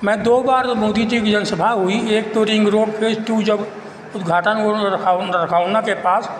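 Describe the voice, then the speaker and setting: A man talks in a rambling, halting way, often repeating himself. His delivery is an informal complaint from an ordinary citizen. The recording rings with long room reverb and carries faint noise. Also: high voice, fairly even intonation. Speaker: local citizen giving his account. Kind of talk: informal spoken monologue of complaint and appeal.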